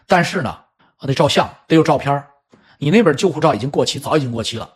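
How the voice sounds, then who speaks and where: A middle-aged man from China telling a true story in an animated, chatty way, with spoken asides. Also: fairly high pitch, fast, breathy edge. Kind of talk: casual storytelling commentary.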